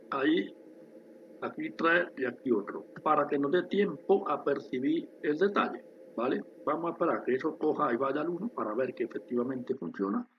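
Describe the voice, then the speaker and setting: Man, screen tutorial narration, explanatory, faint background hiss. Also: medium pitch. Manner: explanatory, addresses viewers with frequent "¿vale?". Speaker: instructor demonstrating a factory simulation. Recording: dull lo-fi sound with faint hiss.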